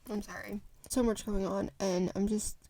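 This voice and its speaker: Her voice is medium-pitched, level, gravelly and warm, moving at a moderate pace as this woman in her twenties vlogs on a phone camera. The talk is loose and rambling, full of fillers and restarts.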